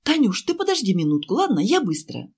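A woman voicing a chatty, fussing woman who runs a cafe, pleading and talking fast in an audiobook. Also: mid-range voice, wildly swooping pitch, darkish tone, slightly rough, pitched above the performer's own voice, full character voice. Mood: fussy, pleading. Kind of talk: audiobook character voice.

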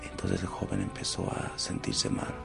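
A man narrating folk tales as a storyteller in an animated, expressive, dramatic way. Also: moderate pace, loud music behind the voice.

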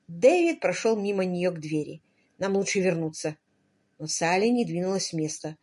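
A woman reading a romance novel aloud as an audiobook narrator, in expressive scripted narration. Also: a little high, breathy edge.

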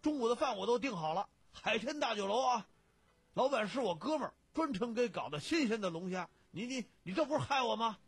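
A blustery middle-aged man on the phone, shouting in a much higher, strained voice full of excitement, as a male reader puts him on. His speech climbs and swings and never settles. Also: brisk, slightly rough, no room sound, heavily acted. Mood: loud, insistent.

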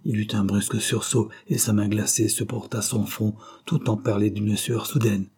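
A man reading a novel aloud as narrator, in a measured, grave storytelling manner. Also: on the low side, little pitch movement, mellow, slightly rough. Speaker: audiobook reader.

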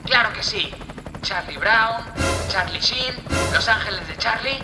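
A woman's voice: fairly high pitch, a little slow, over loud music, natural voice. A woman playing a comically dim army sergeant who gives orders like a drill sergeant in a military parody sketch. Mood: comically serious. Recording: roomy echo, loud helicopter and gunfire noise.

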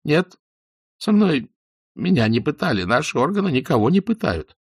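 A man voicing a frightened middle-aged male doctor under interrogation, pleading and breaking into hysterical shouts. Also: on the low side, animated, normal speed, gravelly, slightly rough, no room sound, clean studio sound, heavily acted.

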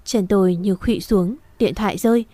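Woman reading a sad story, warm soft voice, dry mic. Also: mid-range voice, fairly quick, dry recording. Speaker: narrator. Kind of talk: first-person audio story reading.

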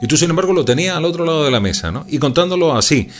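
A man's voice: on the high side, animated, rapid-fire. A male radio host interviewing a guest, reacting with short, reflective interjections.

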